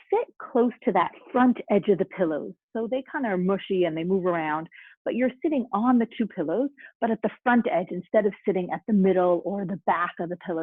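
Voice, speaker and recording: A woman teaching restorative yoga, giving soothing, unhurried step-by-step instructions. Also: mid-range voice, breathy edge, no echo, narrow, tinny audio.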